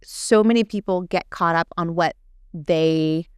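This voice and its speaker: A woman's voice: on the low side, unhurried, clean tone, no room sound, studio quality. A woman hosting an interview, asking curious, upbeat questions in a casual chat. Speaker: podcast host, interviewer.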